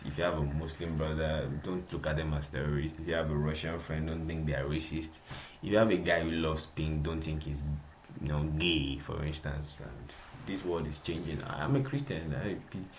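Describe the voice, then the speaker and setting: A man's voice: a bass voice, a little hiss or hum. A young Nigerian man with a Nigerian accent, hosting a casual solo podcast, chatty and repeating himself, laughing often. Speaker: podcast host.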